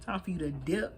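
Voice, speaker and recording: A young woman mukbang vlogger eats while chatting casually, handing out blunt, emphatic, slangy advice. Her voice is lowish and slightly rough.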